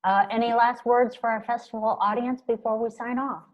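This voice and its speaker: A woman's voice: a little high, fairly even intonation, fairly quick. A woman interviewer for a festival, encouraging and brief with her affirmations, on a video call. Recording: dull lo-fi video call audio.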